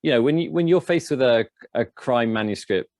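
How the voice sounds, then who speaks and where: A man's voice: mid-range voice, animated, fairly quick, darkish tone, dry recording, studio quality. A man hosting a livestream, asking questions with lots of fillers and restarts. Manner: hesitant, many fillers and restarts. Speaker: livestream host. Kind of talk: casual interview chat.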